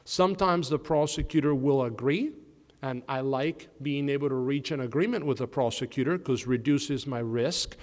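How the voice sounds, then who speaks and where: In a big, echoing law school event hall, a man with a noticeable non-Southern accent speaks on a conference panel. He's a defense attorney with a mid-range, slightly mellow voice at normal speed, earnestly posing questions and then answering them himself.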